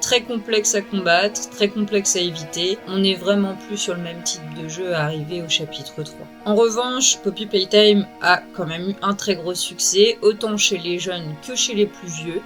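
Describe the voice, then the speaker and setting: A woman's voice: medium pitch, normal speed, hardly any pauses. A middle-aged woman hosting and narrating a video game review. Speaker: video host. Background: music.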